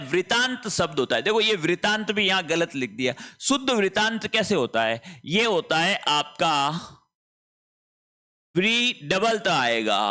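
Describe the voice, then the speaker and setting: A man teaching an online lesson, explaining slowly, repeating words and checking that students understand. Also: high voice, sharp tone. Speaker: Hindi teacher. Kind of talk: online exam-prep lesson.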